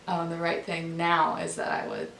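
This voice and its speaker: Young female vlogger, raspy and on the low side, casual informal delivery, faint rumble in the recording. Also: monotone, moderate pace, a bit bright, echoey room. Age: young adult. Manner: informal, frequent "like". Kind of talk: casual chatty vlog narration.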